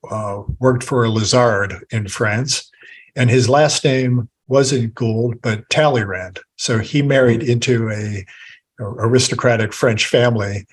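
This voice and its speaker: A man with a somewhat husky, breathy voice speaks as a guest author. He walks through history in a measured, storytelling way during a podcast interview. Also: mid-range voice, rough recording.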